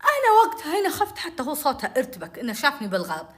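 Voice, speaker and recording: A woman telling a personal story, animated and acting out the dialogue. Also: sits high, very fast.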